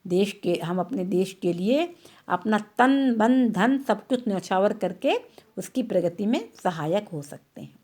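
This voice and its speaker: Woman teacher, online lesson, slow repetitions, frequent check-ins with pupils. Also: medium pitch, lively intonation, mellow. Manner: patient, repeats words slowly and checks with "thik hai na".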